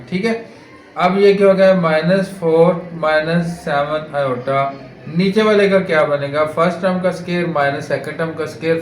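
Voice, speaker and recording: Patient man teaching math, echoey room. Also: on the high side. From Pakistan. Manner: patient, step-by-step, asks rhetorical questions. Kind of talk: board lecture solving exercises. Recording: echoey room with faint noise.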